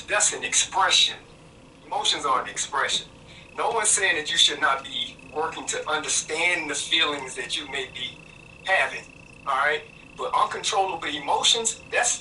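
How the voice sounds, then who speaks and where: A bright, forceful man's voice comes through a roomy, distant call line with a faint hiss behind it. He argues his point firmly and emphatically, lecturing in a podcast debate. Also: fairly high pitch.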